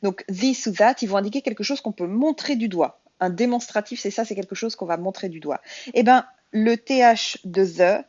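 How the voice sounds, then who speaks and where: A woman's voice: mid-range voice, normal speed, darkish tone, no room sound, highs cut off. A woman whose first language is French, explaining English grammar in a casual, chatty lesson and addressing her viewers directly. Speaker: English teacher.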